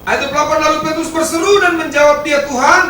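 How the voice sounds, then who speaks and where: A man, preaching a sermon as pastor, emphatic, with sudden rises and drops in pitch and volume. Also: steady tone, racing, sharp tone, a little hiss or hum. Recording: roomy echo, heard from a distance.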